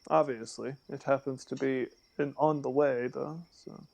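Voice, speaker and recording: A young man with a gravelly edge to his voice plays his character in a tabletop game. He talks in a dry, self-assured way, at an ordinary middle pitch. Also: steady tone, unhurried, darkish tone. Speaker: player.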